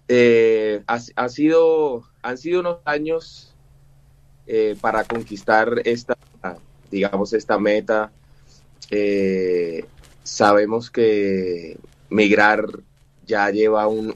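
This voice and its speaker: A Cuban musician in his forties, fairly low-pitched, talks as a guest in an interview captured on dull audio. He sounds hesitant, full of fillers and restarts.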